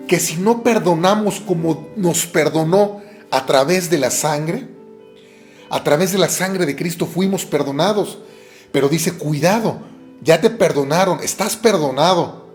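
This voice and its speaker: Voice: medium pitch, a little slow, darkish tone, faint music behind. A preacher with a Mexican Spanish accent giving a podcast sermon, retelling earnestly and repeating phrases. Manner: earnest retelling with repetitions and self-corrections.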